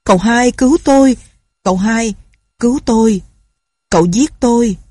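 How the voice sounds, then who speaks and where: A frightened old village man pleads and wails, as a woman reader puts him on. The voice rides higher than her narration yet stays husky and mellow. The sound is dry and close. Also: fast talker, no room sound, lightly acted. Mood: pleading. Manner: pleading, plaintive.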